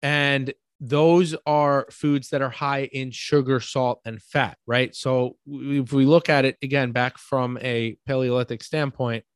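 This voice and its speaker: A man with a New York accent talks through ideas in a relaxed, conversational way. He builds his points from everyday examples and keeps asking "right?" to check in. The sound is dry, with no room echo. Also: medium pitch, measured pace, hardly any pauses, clean tone. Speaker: podcast co-host. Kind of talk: casual conversational explaining.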